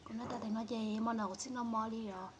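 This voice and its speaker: A woman's voice: a little high, fairly even intonation, very fast. A woman telling a story in a casual, conversational way, often repeating her phrases. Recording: loud background noise.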